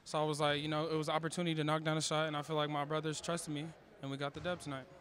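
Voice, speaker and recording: Young male player, quick and flat. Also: on the high side, clean tone. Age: young adult. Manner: quick, casual, flat delivery. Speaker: college basketball player. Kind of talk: postgame interview answer.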